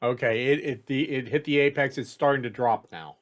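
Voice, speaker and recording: A man's voice: mid-range voice, a little fast. A man running a tabletop game as game master, narrating casually and matter-of-factly. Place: home setup, online stream.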